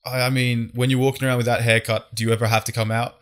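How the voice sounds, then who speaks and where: A man chats casually on a podcast with a loose, slangy, swear-heavy delivery. His voice sits at an ordinary middle pitch. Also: little pitch movement, fast, a bit bright. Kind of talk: casual chat.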